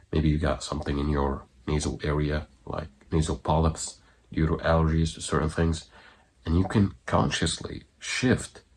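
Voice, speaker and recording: A man coaching viewers through an exercise in an informal, halting way, in short phrases. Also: very deep voice, slightly rough. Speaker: breathwork coach giving online guidance. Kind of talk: instructional talk to viewers.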